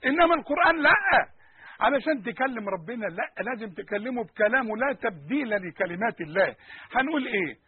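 A man with an Egyptian Arabic accent teaching Quranic pronunciation, repeating sounds and questioning his listeners in an animated way. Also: very high voice, quick pace, husky, phone-quality sound.

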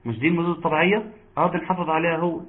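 A man with an Egyptian accent teaching Quran recitation in an online lesson. He explains patiently and chants verses slowly. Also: fairly high pitch. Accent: Egyptian Arabic. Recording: tinny phone-like line.

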